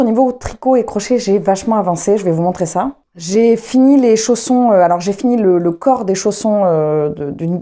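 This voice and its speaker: Mellow-voiced woman chatting casually. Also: medium pitch. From France. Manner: rambling, many fillers and restarts. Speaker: knitting vlogger and trumpet player. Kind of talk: casual chat to camera.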